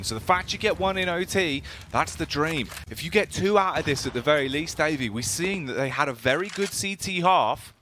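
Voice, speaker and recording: A man commentating live esports as a caster, moving between measured analysis and excited play-by-play calls. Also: a little high, noisy background.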